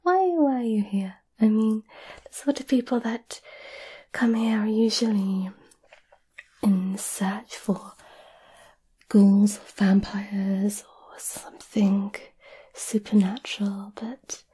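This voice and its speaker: Girl doing whispered role-play as a kindly witch, super breathy, soft mellow tone, slow and soothing. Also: medium pitch, steady tone. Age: 20s. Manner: gentle, hesitant, soothing. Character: gentle, caring centuries-old witch offering potions. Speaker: ASMR performer. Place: small candlelit indoor room. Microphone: close microphone.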